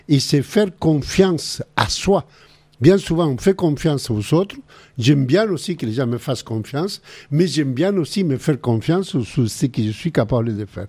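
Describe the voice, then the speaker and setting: A man's voice: mid-range voice, warm tone, breathy edge. Chilean-accented man hosting call-in radio. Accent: Chilean Spanish. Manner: earnest, giving practical advice. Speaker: radio show host.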